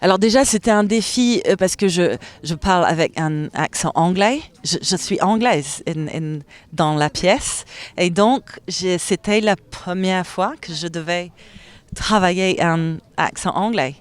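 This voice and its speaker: A stage actress from France speaking in an interview, enthusiastic and expressive, laughing often between thoughts. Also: female voice, lowish voice, a little slow.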